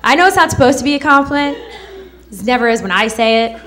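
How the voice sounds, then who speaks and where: A woman in her thirties working a comedy club stage with a handheld mic. Her voice sits a little high and she delivers each line with a dry, sarcastic snap. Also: lively intonation, quick pace, a bit bright. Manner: sarcastic, snappy delivery with mocking character voices. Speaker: stand-up comedian. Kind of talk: stand-up comedy set.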